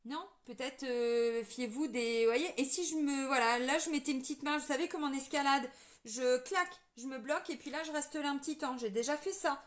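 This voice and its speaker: A woman's voice: high-pitched, moderate pace. A French woman doing a casual spiritual reading, talking straight to her viewers with lots of fillers and restarts. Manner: chatty, addresses viewers directly, many fillers and restarts. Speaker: tarot reader giving a spiritual guidance. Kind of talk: casual spoken guidance to viewers.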